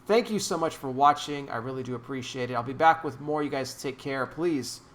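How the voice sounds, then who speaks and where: With a mid-range, slightly bright voice and a fairly quick pace, a man gives preachy, indignant YouTube vlog commentary. He's emphatic and keeps repeating phrases for emphasis.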